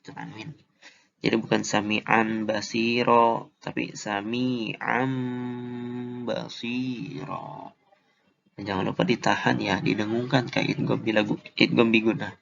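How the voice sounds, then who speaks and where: A man teaching Quran recitation rules in a casual lesson, slow and deliberate, drawing out the recited examples. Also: lowish voice, level tone, vocal fry, a bit bright, lo-fi sound, a little hiss or hum.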